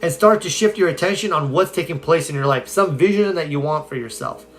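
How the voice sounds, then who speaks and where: A man's voice: a little high, fairly quick, fairly bright tone, slight background noise. A man, chatting casually on a live stream, answering viewer questions as a self-help coach in an upbeat, conversational way. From California. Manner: upbeat, conversational, reads viewer comments aloud. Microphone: phone.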